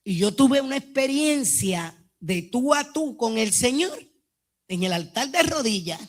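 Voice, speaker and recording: A woman with a Puerto Rican accent giving a fervent personal testimony in a church class, swinging from hushed tones to near-shouting. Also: fairly high pitch, animated, measured pace.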